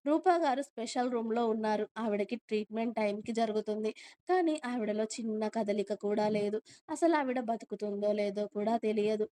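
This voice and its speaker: Smooth-voiced woman storyteller. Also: mid-range voice, fairly quick. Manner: steady storytelling. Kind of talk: audio story narration.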